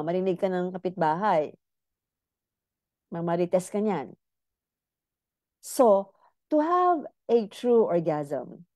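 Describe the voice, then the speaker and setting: A woman's voice: medium pitch, warm tone, no echo, studio quality. A middle-aged woman doctor giving a casual, playful health lecture, teasing her listeners and speaking to them directly.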